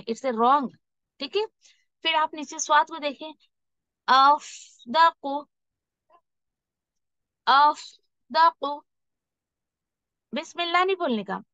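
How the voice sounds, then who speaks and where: A woman teaching Quran recitation rules, explaining patiently and reciting example words slowly and drawn out. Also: sits high, a bit bright, no room sound. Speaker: tajweed teacher. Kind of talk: recorded Quran recitation lesson. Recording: dull, dry lo-fi recording.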